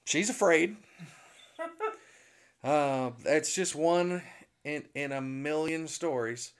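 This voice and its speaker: A man's voice: fairly high pitch, takes it slowly, clean tone. A man, a pastor hosting a podcast, telling a comic family story in a casual way, laughing along and mimicking his parents' voices. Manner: animated, laughs through his own story.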